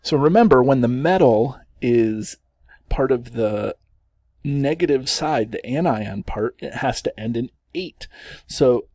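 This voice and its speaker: A man's voice: medium pitch, expressive, takes it slowly, darkish tone, no room sound, clean studio sound. A man teaching chemistry through worked examples, chatty and self-correcting, chuckling at the long names.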